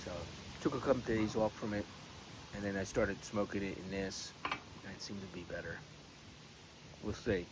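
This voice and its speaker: Man, fairly low voice, casual vlog chat, halting and meandering, mild swearing, noisy phone recording. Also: steady tone. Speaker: pipe-smoking vlogger. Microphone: phone camera. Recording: noisy phone recording with clear background noise.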